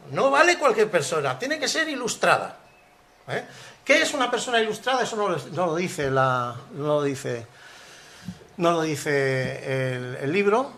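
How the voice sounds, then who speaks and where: An older man giving a university conference lecture, animated and rhetorical, often acting out the phrases he quotes. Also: fairly high pitch. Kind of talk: academic conference talk.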